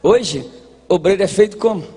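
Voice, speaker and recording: A Brazilian man preaching a sermon at a church congress, folksy and joking, dropping to quiet asides and rising to shouted exhortation. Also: high voice, normal speed, breathy edge. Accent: Brazilian Portuguese. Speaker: pastor. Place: large church hall at a congress. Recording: hall reverb, long echo.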